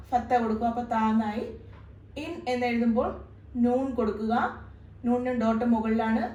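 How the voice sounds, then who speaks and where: A woman's voice: on the high side, warm tone, distant mic. A woman teaching an Arabic lesson step by step, patiently repeating each point. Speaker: Arabic tutor. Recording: echoey room, somewhat off-mic.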